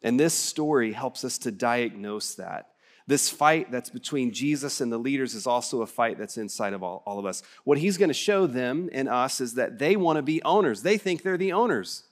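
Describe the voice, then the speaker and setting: Man, West Texas twang, mid-pitched voice, pastor, conversational sermon, emphatic repeated phrases, deliberate pauses. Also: lively intonation. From West Texas, United States.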